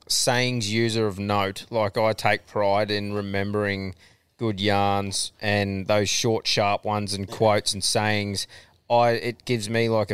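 A man's voice: on the low side, a bit bright, clear, resonant tone, no room sound. An Australian man hosting a podcast in casual, blokey, sweary chat. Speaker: podcast host.

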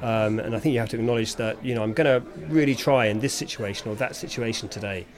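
A man speaking as a speech therapist in an even middle pitch. He lays out each technique step by step in a measured, explanatory way. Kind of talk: conversational explanation.

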